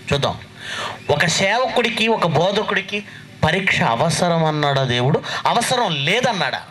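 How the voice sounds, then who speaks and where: A male pastor preaches with force and keeps firing scolding rhetorical questions at his listeners. His voice sits a little high and sounds bright and forceful, with a faint hiss of noise behind it. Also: low-quality recording. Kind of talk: sermon.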